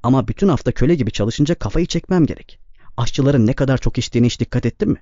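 A man voicing a weary, hard-drinking male laundry worker who talks loud and defiant, read in a slightly dull, dry recording. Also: mid-range voice, animated, fast talker, dry recording, natural voice. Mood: rambling. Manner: pleading, then loud and defiant.

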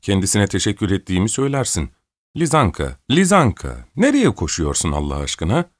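A man performs a scolding, bossy, peevish old countess in an audiobook character voice, ordering people about imperiously. His low-leaning voice has huge pitch swings and moves a little fast, in a dry studio-quality recording.

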